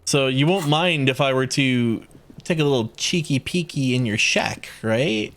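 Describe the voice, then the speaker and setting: A man's voice: mid-range voice, measured pace, fairly bright tone. A man giving casual, profane, joking commentary while streaming a game.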